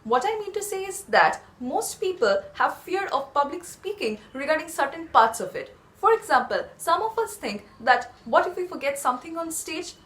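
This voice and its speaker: A woman's voice: sits high, fairly bright tone. A woman presenting scripted tips in an instructive, point-by-point way. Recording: echoey room.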